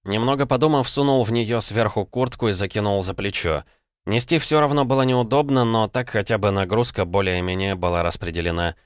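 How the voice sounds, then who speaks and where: Low, clear male audiobook narrator. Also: a little fast, dry recording, studio quality. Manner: wry, conversational, even. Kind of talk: first-person audiobook narration.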